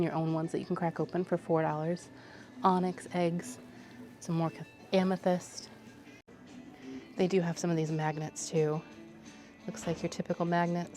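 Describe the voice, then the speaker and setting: A woman's voice: on the low side, a little mellow. A woman travel vlogger giving casual running commentary to her viewers as she looks around.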